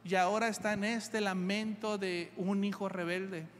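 A man's voice: high voice, level tone, normal speed, a little hiss or hum. Guy preaching, reads the bible out then explains it, says things over and over, lots of hall echo. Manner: reads scripture aloud and then explains it, with earnest repetition. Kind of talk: sermon. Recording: long hall reverb.

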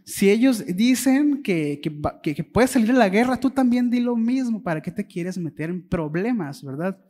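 A man's voice: high-pitched, animated, moderate pace, warm tone. A man voicing a messenger who coaxes a prophet to go along with the crowd. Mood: coaxing. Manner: coaxing, persuasive. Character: pushy adult male messenger coaxing.

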